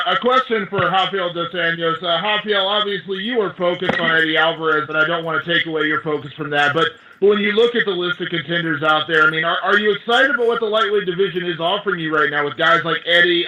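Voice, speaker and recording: A man's voice: a little high, steady tone, quick pace, hardly any pauses, pushed and bright, dull audio. A male reporter asking wordy, circling questions on a telephone press conference. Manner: wordy, repeats phrases as he builds questions. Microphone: telephone conference call. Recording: noisy telephone conference line.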